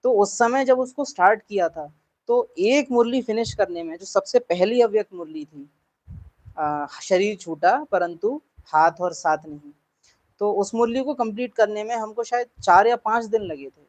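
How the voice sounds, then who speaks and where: In an earnest class talk, a spiritual teacher speaks at a moderate pace in a medium-pitched voice, poses questions to listeners, and repeats points to stress them. The recording quality is low.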